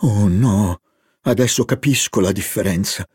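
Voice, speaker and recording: A man's voice: lowish voice, a little slow, a little mellow, breathy edge, no echo, studio quality. A man reading an audiobook, voicing a touchy young musician who exclaims earnestly and sounds wounded.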